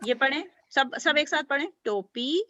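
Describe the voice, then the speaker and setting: A woman's voice: sits high, unhurried, pushed and bright, no echo, muffled recording. A woman teaching beginner language to children, patiently sounding out letters and praising often. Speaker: Urdu teacher.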